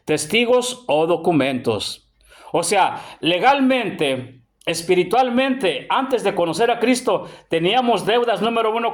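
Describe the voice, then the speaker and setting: A middle-aged man with a Mexican accent teaching a sermon, who asks the congregation questions and tags his lines with "brother", and who slows right down to read verses. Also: high-pitched. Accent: Mexican Spanish. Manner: call-and-response, tags lines with "hermano"; slow emphatic verse reading. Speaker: preacher.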